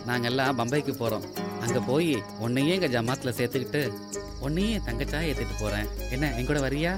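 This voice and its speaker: An actor voicing a streetwise, teasing group elder with a mid-pitched voice, coaxing and bantering with a knowing edge. Loud film music plays behind the lines. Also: male voice, a little fast, lightly acted. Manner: bantering and coaxing, then softly reassuring. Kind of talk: film drama acting.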